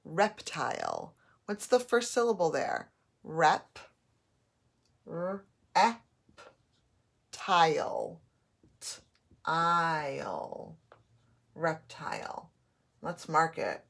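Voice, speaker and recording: A woman's voice: low voice, huge pitch swings, takes it slowly, creaky. A woman teaching a phonics and spelling lesson, patiently sounding out letters and words.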